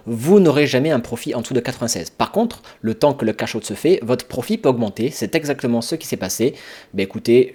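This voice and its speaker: A man walks viewers through a trading tutorial in a plain, mid-pitched voice. He explains each step directly to the listener, peppering his talk with casual fillers. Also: a little mellow. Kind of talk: screen-recorded tutorial walkthrough.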